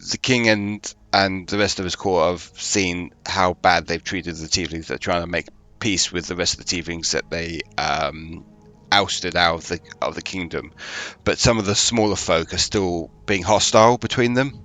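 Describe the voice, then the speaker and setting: A man with a Northern English accent narrating a tabletop game as dungeon master, halting, with many fillers and restarts. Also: deep voice, pushed and bright.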